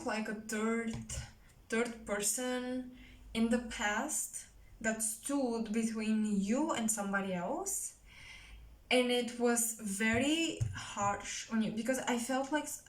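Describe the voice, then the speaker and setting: A woman giving an intuitive tarot reading straight to the viewer, halting and searching for words, earnest and emotional. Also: on the high side, a little hiss or hum, rough recording. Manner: slow, halting, searching for words with many restarts. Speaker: tarot reader.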